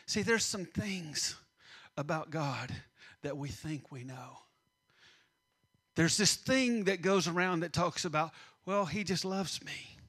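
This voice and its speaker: Middle-aged guy preaching, kinda high voice, gets loud then drops way down. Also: animated, takes it slowly, breathy edge. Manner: dynamic, swings from loud to hushed. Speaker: pastor. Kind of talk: sermon.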